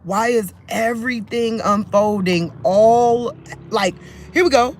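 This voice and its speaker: Speaking directly into his phone for a religious vlog, a man with a rather high voice rambles casually, frequently stopping mid-sentence and starting over. He talks slowly, and a faint background noise is picked up by the phone mic.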